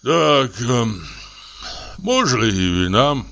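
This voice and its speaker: A man's voice: mid-range voice, sing-song, extremely slow, creaky, fairly bright tone, voice pushed up, full character voice. A man reading an audiobook voices a huge middle-aged man woken at night, sighing and breathing heavily. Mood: sleepy, grumbling. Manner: sighing, groaning, heavy breathing.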